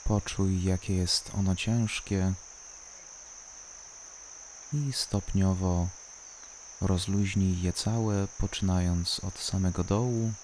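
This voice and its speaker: A calm, soothing voice guiding a body-scan relaxation, unhurried and leaving long pauses between short instructions. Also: sits low, slight background noise. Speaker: guided relaxation narrator. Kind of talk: slow guided body-scan meditation.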